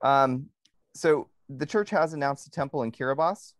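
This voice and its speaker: A man co-hosting a podcast in casual conversation, pausing often with ums and restarting his sentences. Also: mid-range voice, no echo, clean studio sound. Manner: hesitant, many ums and restarts. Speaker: podcast co-host.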